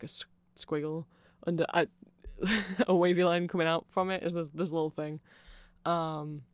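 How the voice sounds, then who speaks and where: An ASMR creator rambles through an explainer about band lore, often correcting himself and tossing in chuckling asides. His voice is a little high, and there's no room sound.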